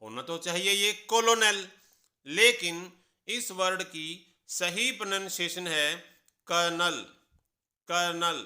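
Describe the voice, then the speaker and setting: A man teaching pronunciation in a deliberate classroom manner. He spells each word letter by letter and then says the correct form twice. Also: sits high, animated, sharp tone. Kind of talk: slow, deliberate classroom explanation.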